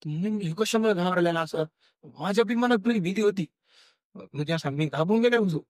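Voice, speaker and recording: Young marathi-accented guy telling a ghost story, slightly high voice, lots of umms and restarts, dry close mic. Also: no echo. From India. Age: young adult. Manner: halting, many fillers and restarts, acts out quoted dialogue. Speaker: guest storyteller. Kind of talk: casual podcast storytelling.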